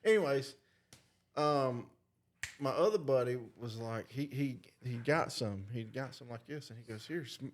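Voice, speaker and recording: A man's voice: medium pitch, expressive, measured pace, slight background noise. A man with a Southern accent, telling rambling stories in a casual chat. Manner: laid-back, rambling anecdotes.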